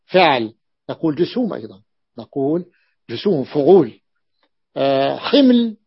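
Man teaching, slow and repetitive. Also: fairly high pitch, slightly rough, no echo. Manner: explains slowly, repeating words and patterns. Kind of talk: classroom grammar lesson. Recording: dull lo-fi dry recording.

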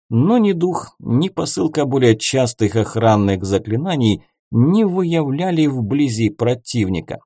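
Male narrator for a first-person fantasy audiobook: dark, mellow tone, dry close sound, measured delivery. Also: mid-range voice, dry recording.

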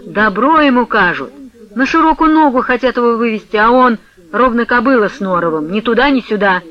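A man's voice: high-pitched, animated, unhurried, dull audio. Man voicing Potap, a blustering old merchant. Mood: scolding. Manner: loud, scolding, coaxing. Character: blustering old male merchant, hot-tempered and pushy.

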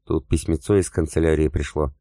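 A man reading the part of a sulky, teasing young wife in an audiobook, in his own deep voice with little change. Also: fairly even intonation, brisk, warm tone, no room sound, clean studio sound. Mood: grumbling.

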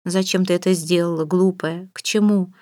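A woman reads an audiobook, taking on the voice of a stern, fussy middle-aged mother who scolds, bosses and issues orders in exasperation. Her fairly low, darkish voice is steady, at normal speed and close to everyday speech. The studio sound is clean with no echo.

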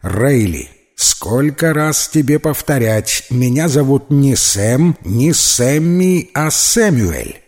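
A man's voice: fairly high pitch, big pitch swings, unhurried, few pauses, a little mellow, pitched above the performer's own voice. A man doing a prim, clever schoolboy. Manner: dignified, know-it-all. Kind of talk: storybook character voice.

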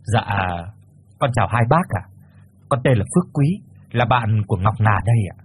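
A man voicing a humble, poor young man who stammers and hesitates, speaking softly and low. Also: expressive, normal speed, breathy edge. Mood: timid.

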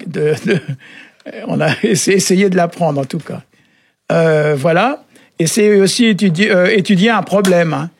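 Husky man explaining words, halting. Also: high voice, no room sound. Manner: halting, often adds "hein" and "euh". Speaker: Breton language expert on a radio show. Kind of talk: relaxed explanatory radio chat.

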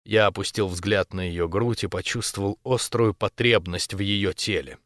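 A man narrating a first-person romance novel as an audiobook, in a steady, intimate storytelling voice. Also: low voice, moderate pace, no echo, studio quality.

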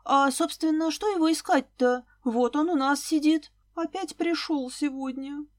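A woman's voice: high-pitched, normal speed, no room sound, voice pushed up, lightly acted. A woman voicing a timid widow who speaks in a faltering, guilty murmur.

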